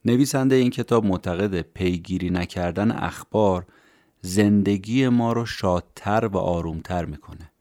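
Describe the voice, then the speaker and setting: A man hosting a podcast, calmly summarizing a book for listeners in scripted narration. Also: low-pitched, no room sound, clean studio sound. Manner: calm, explanatory, addresses listeners directly. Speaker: podcast host summarizing books.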